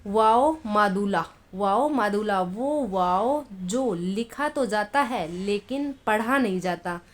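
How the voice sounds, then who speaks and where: A woman's voice: medium pitch, animated. A woman teaching a lesson, reading example words one at a time and explaining patiently. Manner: patient, repeats examples slowly, then explains quickly. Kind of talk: Urdu phonetics lesson.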